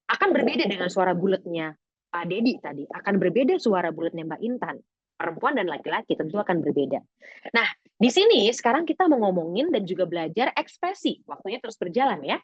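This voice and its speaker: A woman public speaking trainer leading a webinar lesson, expressive and lively as she demonstrates techniques. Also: lowish voice, fast talker, husky, no echo. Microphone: video call. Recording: dull lo-fi video call audio.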